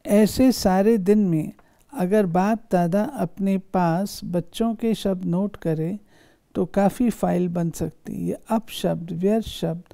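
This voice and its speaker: Woman, very mellow dark voice, steady instructive sermon reading, rhetorical questions. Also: medium pitch, takes it slowly, creaky. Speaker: reader of spiritual discourse. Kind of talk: reading a spiritual discourse aloud.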